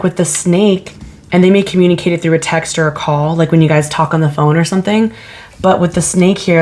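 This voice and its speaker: A woman's voice: fairly low pitch, darkish tone. A woman giving a casual pick-a-card tarot reading, chatty and thinking aloud as she asks spirit questions. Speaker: tarot reader.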